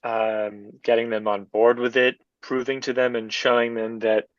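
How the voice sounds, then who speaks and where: An easygoing man speaks in a relaxed, halting way, using plenty of fillers. He is a film composer answering interview questions, and his voice is dry and a little dull, with the highs rolled off. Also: dry recording.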